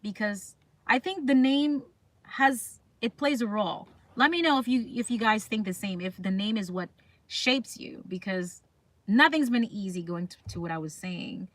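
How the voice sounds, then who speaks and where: At a moderate pace and medium pitch, a woman runs an easygoing live chat, talking directly to viewers, reading their comments, and often asking them questions. There's no echo on the recording.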